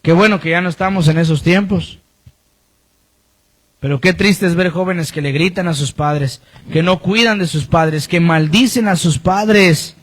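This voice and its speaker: A man's voice: sits high, measured pace. A man pastor preaching a sermon, pressing his points with emphatic repetition and sudden swings in his voice. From Colombia.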